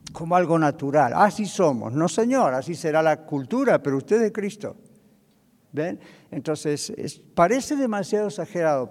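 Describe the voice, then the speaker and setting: Older male preacher, emphatic and anecdotal, somewhat high-pitched, recorded with a long hall echo. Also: a little mellow. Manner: storytelling preacher, acting out dialogue, emphatic. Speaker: pastor. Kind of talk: sermon.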